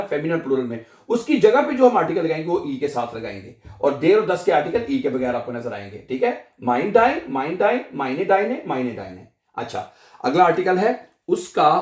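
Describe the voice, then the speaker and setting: Lively Pakistani Urdu-accented man teaching. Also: a little high. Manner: repeats forms and asks the listener to echo them. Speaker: German language teacher. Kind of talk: explaining grammar in a lesson.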